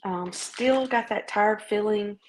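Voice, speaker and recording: This vlogger is a Southern woman from the American South whose accent colors her casual video diary. She speaks at a medium pitch, folksy and halting as she rambles, and the recording is rough.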